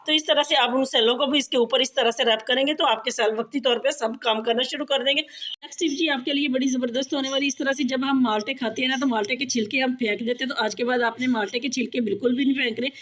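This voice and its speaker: A woman's voice: sits high, steady tone, fast, fairly bright tone. A woman with a Pakistani Urdu accent giving a casual kitchen how-to demonstration. She has a sore throat and a cough, and she talks in a chatty, repetitive way, often addressing viewers as ji. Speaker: home cooking and tips vlogger.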